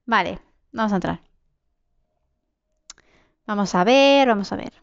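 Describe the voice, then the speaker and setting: Chatty Spanish woman gamer, smooth voice. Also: medium pitch, animated, a little slow, dry recording, highs cut off. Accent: Spain Spanish. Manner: chatty, talks to herself, sudden shrieks and swearing. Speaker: gameplay streamer. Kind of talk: casual gameplay commentary.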